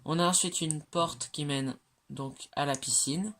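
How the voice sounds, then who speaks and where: At a measured pace, a medium-pitched and slightly bright voice guides listeners through the speaker's own game builds. It's a relaxed, chatty walkthrough, halting at times, full of fillers and self-corrections, with the creator joking whenever they slip.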